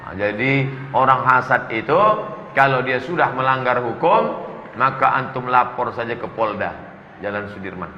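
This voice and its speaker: A man's voice: mid-range voice, normal speed, slight background noise. A man preaching in a humorous question-and-answer sermon, reading out questions and answering with jokes. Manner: jokey, animated, reads questions aloud then answers. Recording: echoey hall, slightly dull sound.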